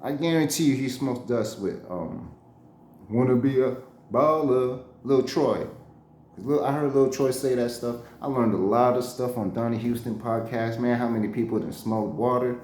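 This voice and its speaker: A man's voice: mid-range voice, normal speed, darkish tone, slight background noise. A man around forty telling a story in casual slang, laughing often and acting out what people said. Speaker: storyteller, channel host. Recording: roomy echo.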